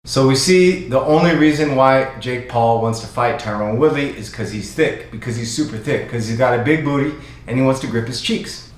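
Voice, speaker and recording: Man, channel host, casual commentary, repetitive recap, very echoey room. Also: medium pitch. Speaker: YouTube commentator. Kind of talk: casual commentary over clips.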